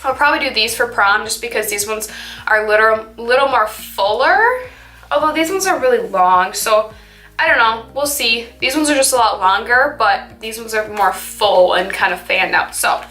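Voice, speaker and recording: A woman's voice: fairly high pitch, normal speed, sharp tone. Teenage girl, beauty vlogger, casual makeup chat, rambling, echoey room, faint music behind. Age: teens. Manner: chatty, fills with "like" and trailing thoughts.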